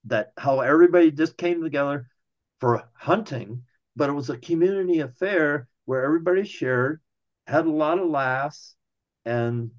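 A man's voice: on the high side, highs cut off. A man casually telling a personal story in a folksy way, talking straight to his listeners.

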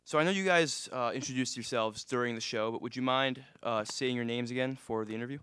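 A man of twenty-one hosting a casual interview at a music venue, asking relaxed questions with plenty of fillers. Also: medium pitch, a little fast, clean tone, no echo. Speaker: interview host. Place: music venue after a live set.

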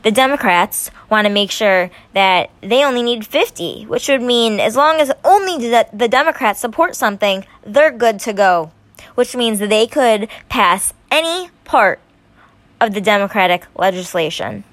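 A woman's voice: fairly high pitch, lively intonation, moderate pace, a bit bright, dry recording. A young woman vlogging her opinions on politics, growing emphatic and stumbling over her words as she gets worked up. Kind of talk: casual opinion commentary.

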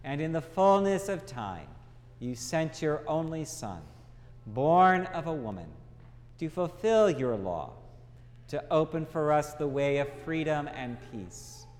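A man leading a church liturgy as priest, reciting prayer in a measured, reverent way with pauses between short phrases, in cathedral-like echo. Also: fairly high pitch, big pitch swings, darkish tone. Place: large reverberant church, indoors.

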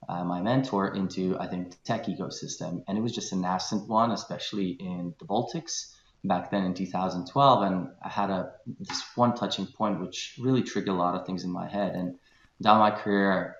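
A man from Lithuania, a guest on a podcast, talking in a relaxed, thoughtful way with hesitations. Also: sits low, roomy sound, lo-fi sound. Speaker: guest, venture capital founder. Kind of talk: podcast interview.

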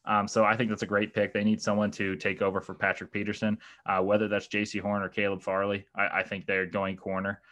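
A man's voice: on the low side, monotone, fairly quick, few pauses, fairly bright tone. A man talking through football draft picks in a casual podcast chat, thoughtful and hesitant, with many fillers and restarts, and bothered by the hiccups. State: has the hiccups. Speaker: guest analyst.

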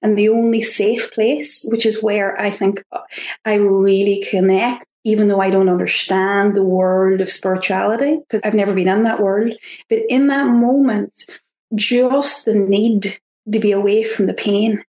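A woman with an Irish accent, a podcast guest talking in an earnest, halting way with frequent restarts. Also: medium pitch, steady tone, darkish tone. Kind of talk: reflective interview talk. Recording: roomy echo.

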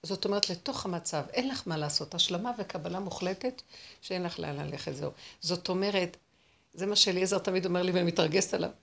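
Gravelly woman teaching a dramatic lesson. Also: lowish voice. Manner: animated, dramatic storytelling. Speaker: teacher of a spiritual class. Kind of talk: emotional spiritual lesson with acted-out quotes.

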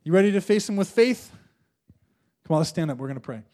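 A man's voice: high-pitched, animated, fast talker, darkish tone. A male preacher delivering a sermon and leading the congregation in prayer, with fervent call-and-response and lines repeated for the room to echo.

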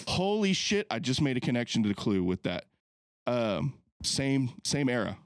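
A man's voice: medium pitch, sing-song, moderate pace, no echo, clean studio sound. A man, a podcast co-host rambling and swearing in casual chat.

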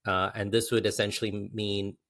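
A man's voice: lowish voice, level tone, normal speed, fairly bright tone. A man talking casually in a film discussion, explaining his view and quoting dialogue in his own voice.

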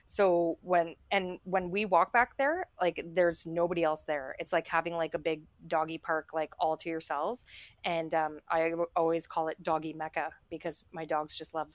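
A woman chatting on a podcast, rambling through a story with lots of fillers. Her voice sits a little low and sounds close and dry. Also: moderate pace, dry recording. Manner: chatty, many "like" fillers, animated when quoting. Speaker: podcast co-host. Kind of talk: casual storytelling chat.

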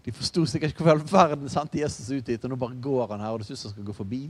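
A man gives a sermon in an easygoing, conversational way, weaving in personal stories and asides. His voice sits at an ordinary middle pitch. The sound rings with the long reverb of a large hall. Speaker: preacher.

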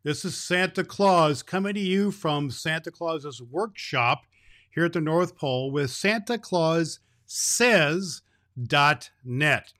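A man playing Santa Claus as a jolly, grandfatherly old man, talking kindly and haltingly to children as host of a Christmas story show. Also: fairly high pitch, lively intonation, fairly bright tone. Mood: jolly, booming. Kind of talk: unscripted, folksy address to child listeners.

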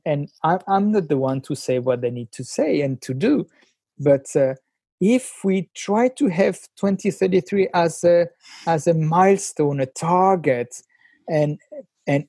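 A man's voice: on the high side, warm tone, no room sound, clean studio sound. A man with a French accent, speaking English as a second language, talks earnestly about a ministry vision as an interview guest, with frequent restarts. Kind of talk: interview, then spoken prayer.

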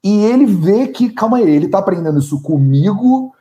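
Um homem apresentador e médico ayurvédico com sotaque brasileiro, conversando de forma animada numa entrevista e pensando em voz alta. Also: male voice, high-pitched, fairly quick, lo-fi sound. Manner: animated, thinks aloud with many "né?". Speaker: podcast host, Ayurvedic doctor. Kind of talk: conversational interview.

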